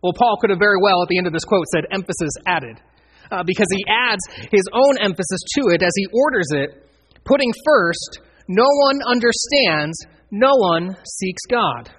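A man's voice: high-pitched, animated, normal speed, fairly bright tone, a little hiss or hum. A man preaching an expository sermon, earnestly explaining and quoting scripture verse by verse. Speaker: pastor.

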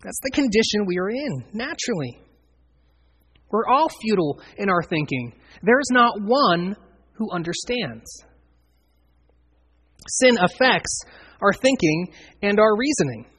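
A man's voice: high-pitched, sing-song, measured pace, pauses often, a bit bright, slight background noise. A man preaching an expository sermon, earnestly explaining and quoting scripture verse by verse. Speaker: pastor.

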